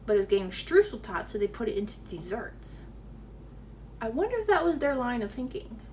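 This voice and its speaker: A woman's voice: a little high, sing-song, a little fast, darkish tone, reverberant, recorded from a distance, a little hiss or hum. A young woman hosting a home baking channel, chatting casually while doing chores in her home kitchen and cooing at her dog, picked up by a camera mic across the room.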